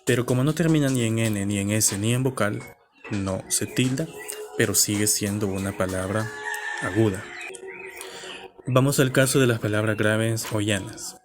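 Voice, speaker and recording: A man's voice: fairly low pitch, normal speed, over music. A man teaching a lesson, explaining patiently step by step and checking in with his listeners.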